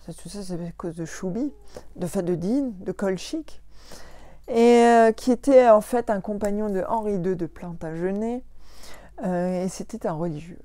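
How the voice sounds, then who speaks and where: A woman's voice: medium pitch, normal speed, dark tone. A woman from Alsace, hosting a casual live talk for her followers on a phone, hesitant and full of fillers and self-corrections. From Alsace, France. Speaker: host of a weekly live. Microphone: phone on an Instagram live.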